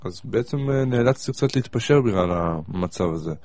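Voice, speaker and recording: A man in a casual chat, explaining things in a slightly halting way. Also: low-pitched, animated, darkish tone. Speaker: university student.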